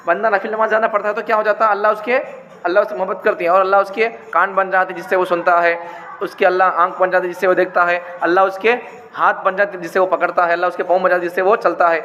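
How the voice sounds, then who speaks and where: A man's voice: high-pitched, level tone, rapid-fire, bright, forceful tone. A man giving a religious teaching talk, repeating his points and asking rhetorical questions. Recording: dull, echoey hall with faint noise.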